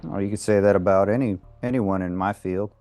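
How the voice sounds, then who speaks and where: A man's voice: fairly low pitch, steady tone, fairly quick, warm tone, no echo, soft background music, lightly acted. A man playing a sceptical, defiant investigator in a tabletop game, plain-spoken and dry.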